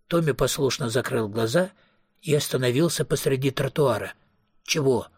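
Husky male audiobook narrator. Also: medium pitch, normal speed, dry recording, studio quality.

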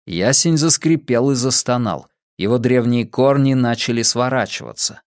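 Guy reading an audiobook, steady dramatic tone, dry close recording. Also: medium pitch, normal speed, no echo. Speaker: audiobook narrator. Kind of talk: scripted narration.

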